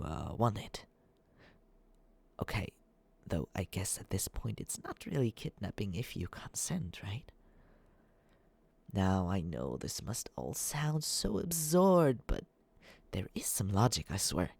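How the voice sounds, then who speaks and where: A male ASMR performer plays an obsessive, lovesick young man in an ASMR roleplay, awkward and sweetly creepy. His husky voice drags slowly over words, drifts into soft, breathy asides, and rises and falls as he fusses nervously over the listener, flustered yet reassuring. The recording is dry and the delivery heavily acted.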